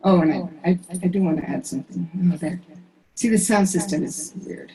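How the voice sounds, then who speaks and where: An older woman from Peru, a singer, talking earnestly and reflectively from her living room on a video call, pausing often. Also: on the low side, warm tone, faint music behind, poor audio. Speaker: singer sharing a song. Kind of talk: casual video call chat. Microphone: headset mic on video call.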